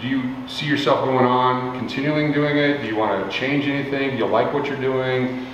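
Male interviewer, sixties, casual and halting, medium pitch, muffled sound from afar in a reverberant hall. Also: steady tone, a bit bright. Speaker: interviewer, former comedian. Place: indoor theater stage. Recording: echoey hall, distant, dull, faint noise.

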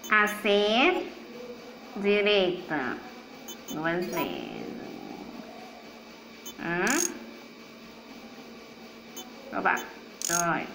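A Brazilian woman giving live gameplay commentary, excitable, laughing often and chattering to her viewers and the game. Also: lowish voice, drawn-out words, gravelly, long pauses, noisy background. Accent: Brazilian Portuguese. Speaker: livestreamer. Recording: roomy echo with game music.

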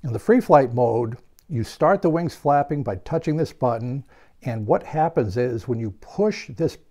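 Older guy showing off a gadget at his workbench, calm steady explaining, warm low-key tone. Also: measured pace. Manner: steady explanatory talk, stressing key points. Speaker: hobby reviewer. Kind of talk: hands-on product tutorial. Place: home workshop, indoors.

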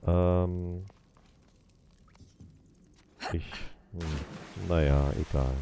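A man's voice: deep voice, fairly even intonation, very slow, mellow, a little hiss or hum. A man casually commenting while playing a video game, muttering to himself and talking to the characters on screen. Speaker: let's play gamer.

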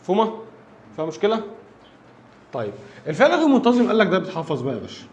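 A man's voice: high-pitched, wildly swooping pitch, rapid-fire, a little mellow, muffled recording, a little hiss or hum. A man with an Egyptian Arabic accent teaching an English grammar lesson, explaining step by step and often checking that his listeners follow.

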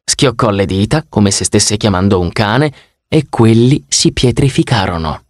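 A man's voice: lowish voice, animated, a little slow, dry recording, clean studio sound. A man reading a first-person audiobook narration with a wry storytelling delivery.

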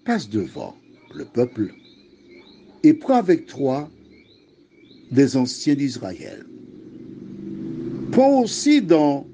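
A man voicing a divine figure who gives calm, commanding instructions. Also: mid-range voice, very slow, gravelly, pauses often, slight background noise, full character voice.

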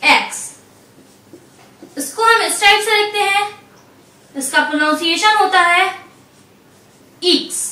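High, bright woman teaching in an echoey room. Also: recorded from a distance. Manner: slow, patient, repeats each letter. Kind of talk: step-by-step language lesson.

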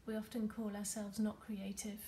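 A woman leading a gentle guided meditation while folding paper, talking softly with many fillers and often dropping to a near whisper. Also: mid-range voice, level tone, moderate pace, slight background noise. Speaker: meditation leader. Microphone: computer or phone camera.

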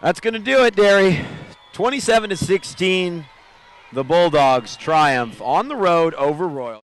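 A man calling a football game play by play, rising into excited calls on big plays. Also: high voice, a little slow, soft background music. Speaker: play-by-play announcer. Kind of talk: live football commentary.

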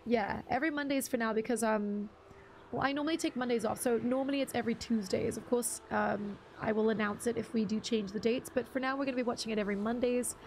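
A young woman, half English and half Bruneian, talks fast in a fairly high voice while streaming a game, with a faint hiss or hum present. She greets her viewers and reads chat aloud, using many ums in the casual live-stream chat.

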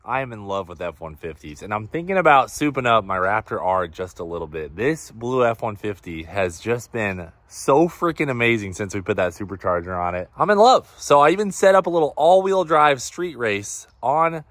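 A man talking into a handheld camera outdoors, enthusiastic and energetic as he signs off his video. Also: medium pitch, normal speed, few pauses, no echo. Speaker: channel host. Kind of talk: vlog to camera. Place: outdoors by a parked truck. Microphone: handheld selfie camera.

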